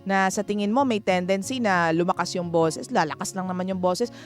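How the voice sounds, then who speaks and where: A woman's voice: lowish voice, fairly even intonation, moderate pace. A woman hosting a radio advice show, chatty, playful and frank, laughing often. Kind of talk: late-night radio advice talk. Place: radio studio. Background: music bed.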